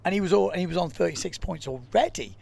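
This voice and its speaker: A man giving live, chatty play-by-play commentary from a studio, with an excitable, filler-heavy delivery. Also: sits high, fast, gravelly.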